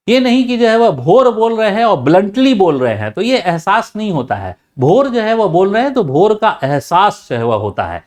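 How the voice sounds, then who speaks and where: Male teacher, explanatory lecture, animated pitch, lots of fillers and restarts. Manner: frequent filler phrase, repeated restarts; demonstrates loud and soft speaking.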